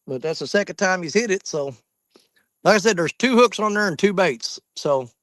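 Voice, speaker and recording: Man, slightly high voice, Southern US drawl, folksy and casual fishing chat, dry outdoor sound. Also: expressive, normal speed, a bit bright, no room sound. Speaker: fishing vlogger. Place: outdoors on a small fishing boat.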